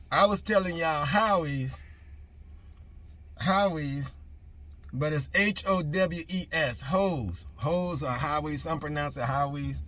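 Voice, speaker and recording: A man's voice: a little high, a little hiss or hum. A man who drives trucks and preaches, talking to his viewers in a rambling casual vlog from his truck, full of fillers and repeated greetings. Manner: rambling, repeats "ladies and gentlemen", many fillers. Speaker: minister.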